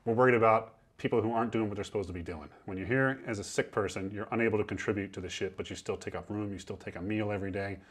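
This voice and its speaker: A man's voice: fairly low pitch, fairly even intonation, very fast, hardly any pauses, husky. A man in his thirties guiding a tour below deck on a historic ship, explaining in a chatty way with a lapel mic. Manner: chatty, explanatory, acts out quoted sailors. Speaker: museum ship guide.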